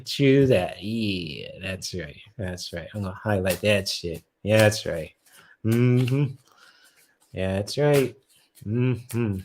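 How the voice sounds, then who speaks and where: Low-voiced man, laid-back tarot live stream. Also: takes it slowly, a little hiss or hum. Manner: laughs often, swears casually, repeats himself. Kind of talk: casual live stream chat.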